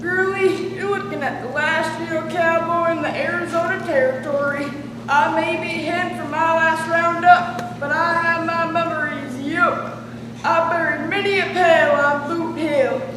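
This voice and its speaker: A woman's voice: very high voice, steady tone, unhurried. A young female student playing a garrulous, boastful old Wild West cowboy in the folksy manner of an old prospector, in a school stage play. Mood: boastful, nostalgic. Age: young teenager. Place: school stage, recorded from afar. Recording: echoey noisy hall, distant microphone.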